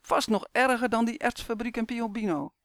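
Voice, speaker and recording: A man's voice: very high-pitched, normal speed, fairly bright tone, dry recording, clean studio sound, pitched above the performer's own voice. A man voicing a curious, eager young boy in a storybook reading.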